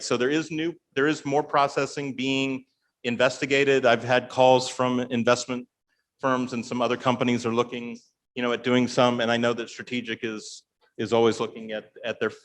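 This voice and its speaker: A man with a mid-range voice speaks as a panel expert. He explains things step by step and checks in with the audience by tagging his points with quick questions. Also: medium pitch, level tone, fairly bright tone, a little hiss or hum. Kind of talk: panel discussion answer.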